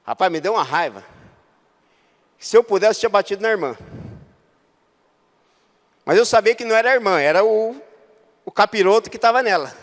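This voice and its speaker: A Brazilian man preaches in a church, his voice sitting high for a man. He moves between easygoing storytelling and loud, rising exhortation, and a long reverb trails his words through the hall. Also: animated, fairly quick, long pauses. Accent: Brazilian Portuguese. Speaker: pastor. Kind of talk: sermon.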